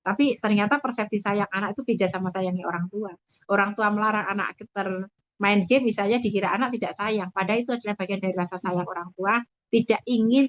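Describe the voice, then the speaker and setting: A middle-aged woman giving a parenting talk to parents, lively and acting out parent and child lines. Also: medium pitch, no room sound. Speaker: parenting speaker. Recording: dry, slightly dull sound.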